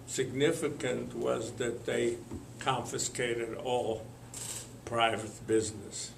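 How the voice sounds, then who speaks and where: An older man from Lithuania, telling his life story to an audience in a slow, halting way with many pauses and fillers. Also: medium pitch, steady tone, gravelly, reverberant, noisy background. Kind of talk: spoken testimony to an audience.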